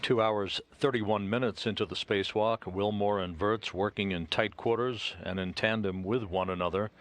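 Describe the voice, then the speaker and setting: A man delivering live technical commentary as a mission commentator, halting with pauses mid-sentence. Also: fairly low pitch, fairly even intonation, fairly bright tone.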